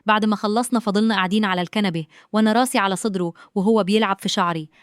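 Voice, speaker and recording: A woman's voice: medium pitch, fairly even intonation, racing, clean tone, no room sound, studio quality. A woman with an Egyptian accent narrating a first-person audio story in a confessional way. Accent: Egyptian Arabic.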